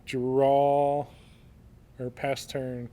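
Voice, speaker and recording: A man commentating a card game match live, calling the plays in a relaxed, drawling way. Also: medium pitch, very slow. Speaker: play-by-play commentator.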